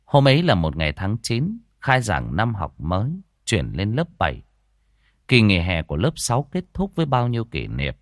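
A man narrating a first-person horror story in an expressive, dramatic way. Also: fairly low pitch, moderate pace, dry recording, clean studio sound.

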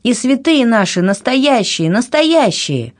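A woman voicing a proud, hot-tempered young princess who shouts indignantly. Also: very animated, moderate pace. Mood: furious. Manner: shrill, indignant outbursts.

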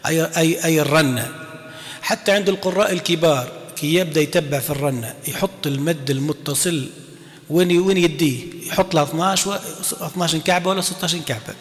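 A man giving an informal recitation lesson, chanting quoted readings slowly and answering students. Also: a little high. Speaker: teacher of Quran recitation. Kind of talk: classroom lesson explaining recitation. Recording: long hall reverb.

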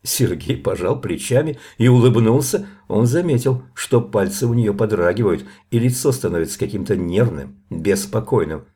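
Male audiobook narrator, measured and even, low-pitched, warm dark tone. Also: slightly rough. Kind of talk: audiobook reading of a novel.

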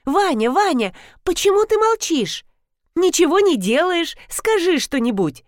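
A woman's voice: a little high, sing-song, takes it slowly, no echo, clean studio sound, pitched above the performer's own voice. A woman voicing a pushy, flustered middle-aged mother who scolds her son. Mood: scolding. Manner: insistent, scolding.

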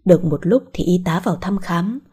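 A woman narrating a novel in a plain, even reading. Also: lowish voice, brisk, husky. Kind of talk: storybook narration.

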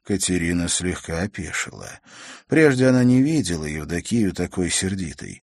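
A man narrating an audiobook in a measured storytelling manner. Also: sits low, lively intonation, dry recording, studio quality.

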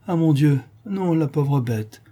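A man voicing a timid, emotional gentleman who stammers and gushes, in an audiobook reading. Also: mid-range voice, normal speed, slightly rough, lightly acted. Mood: effusive. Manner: stammering, gushing, tearful. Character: timid, emotional middle-aged man, easily flustered.

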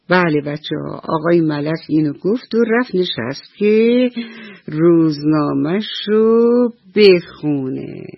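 A woman storyteller narrating a bedtime story for children on the radio, gentle and affectionate. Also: deep voice, creaky, breathy edge, dry recording, dull audio.

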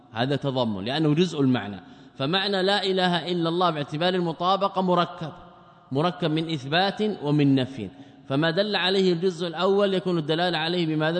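A man's voice: a little high, long reverb tail. A male religious teacher giving a lecture on a theology text, explaining by asking his own questions and answering them.

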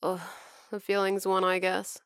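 A restless young guy who's bored out of his mind, read by a woman in a dry close recording, gravelly edge, flat sulky way of talking. it's a story read aloud, barely acted. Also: mid-range voice, measured pace, no echo.

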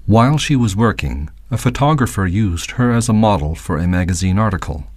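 A man's voice: fairly low pitch, lively intonation, fairly quick, darkish tone. A man reading an English text aloud in a radio lesson and plainly correcting word choices as he goes. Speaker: English guest teacher.

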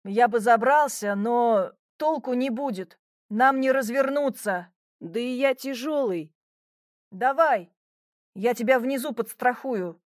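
A woman voicing a calm, easygoing young man who coaxes and soothes in an audiobook. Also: on the high side, takes it slowly, no room sound, clean studio sound. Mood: coaxing. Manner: placid, coaxing. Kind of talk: audiobook reading.

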